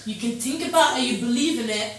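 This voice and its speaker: A woman's voice: fairly high pitch, quick pace. A young woman from Nigeria, an interview guest, talking casually with energy and emphatic repetition in a studio. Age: young adult. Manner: energetic, emphatic, repeats phrases for effect. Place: studio set with sofa. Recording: very echoey studio, heard from a distance.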